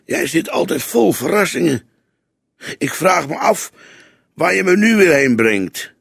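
A man's voice: fairly high pitch, sing-song, measured pace, gravelly, fairly bright tone, husky, no room sound, studio quality, pitched above the performer's own voice, exaggerated voice. A man voicing a young male police detective who keeps questioning and protesting in a raised voice. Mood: puzzled.

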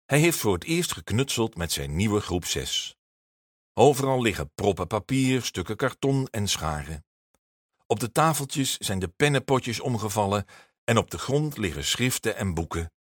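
A man reads a children's story aloud in a rather low voice, and his intonation rises and falls with plenty of life. The recording is dry and close, with no room sound. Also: big pitch swings, moderate pace, dry recording. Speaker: narrator.

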